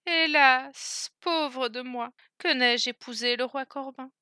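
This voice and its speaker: A woman voicing a spoiled young princess who speaks in a high, lamenting, fussy way. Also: expressive, measured pace, pushed and bright, no echo, studio quality, heavily acted. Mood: plaintive.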